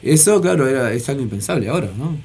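A man's voice: mid-range voice, animated, quick pace, a little mellow, breathy edge. A man, talking as a guest in a casual radio interview, rambling with many fillers and restarts. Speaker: guest musician.

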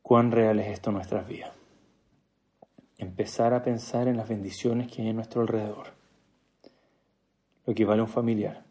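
A man's voice: lowish voice, little pitch movement, normal speed, long pauses, mellow. A man giving a storytelling religious talk, acting out the dialogue he quotes and making joking asides to his listeners. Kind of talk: storytelling sermon.

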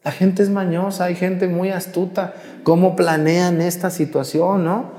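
A male priest, preaching during mass in a lively, teasing way and putting questions to the congregation. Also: high voice, unhurried, big-room sound. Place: church.

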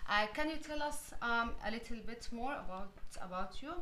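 A woman hosting a community radio interview, asking questions in a halting way with many "like" fillers. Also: on the high side, animated, pushed and bright. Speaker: radio host.

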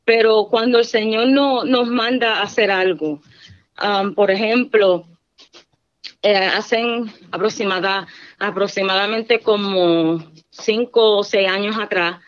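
A middle-aged woman giving a fervent church testimony, speaking earnestly and often checking in with her listeners. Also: medium pitch. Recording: dull lo-fi recording.

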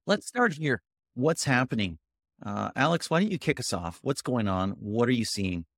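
A man hosting a video-call interview with several guests, moderating briskly. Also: mid-range voice, very animated, no echo. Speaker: podcast host.

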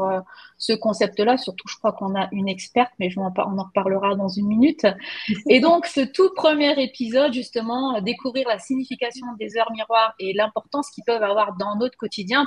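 A woman with a French accent hosting a podcast over a video call, chatting with hesitant fillers and frequent laughter. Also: mid-range voice. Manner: rambling, hesitant, often laughing. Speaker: podcast host, tarot reader. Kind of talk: casual group chat.

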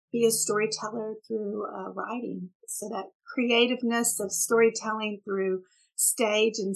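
A woman's voice: medium pitch, creaky, low-quality recording. A middle-aged woman from Oklahoma, raised in Texas, with a Texan accent lightly polished by British stage work, chatting as an interview guest, talkative and often laughing. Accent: Texan with a slight British stage polish. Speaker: guest author. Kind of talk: casual interview chat.

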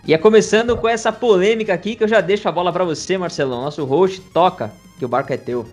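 A man's voice: high voice, fast, darkish tone, soft background music. A man with a Brazilian Portuguese accent presenting a podcast casually as its host.

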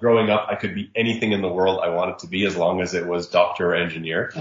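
Lower-voiced man, reflective, in a roomy space. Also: steady tone. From Saudi Arabia. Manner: reflective, measured, sprinkles religious phrases. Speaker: startup founder, guest. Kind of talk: conversational interview answers. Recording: roomy, dull lo-fi audio.

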